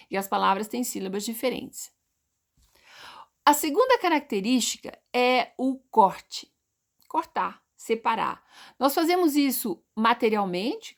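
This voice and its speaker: A woman with a Brazilian Portuguese accent and a fairly high voice explains poetry to her viewers. She poses questions and answers them herself, and she breaks example words down slowly. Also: a bit bright. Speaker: poetry teacher.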